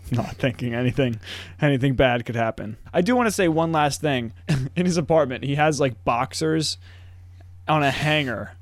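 A man's voice: mid-range voice, unhurried. A young man co-hosting a podcast, chatting casually as he recaps a TV episode, laughing often and acting out lines in funny voices. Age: young adult. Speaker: podcast co-host.

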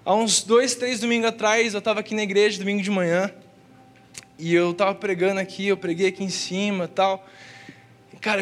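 High-voiced young Brazilian preacher. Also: male voice, a bit bright. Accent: Brazilian Portuguese. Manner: slangy and earnest, peppered with "cara" and "velho". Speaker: youth preacher. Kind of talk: casual testimony sermon. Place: church.

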